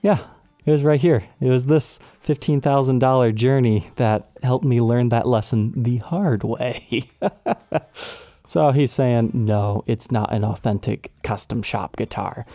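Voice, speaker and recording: A man with a gravelly, dark voice tells a personal story as the host of his guitar channel. He sounds animated and exasperated as he retells it. The sound is dry and close. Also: medium pitch, no echo. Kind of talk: storytelling vlog.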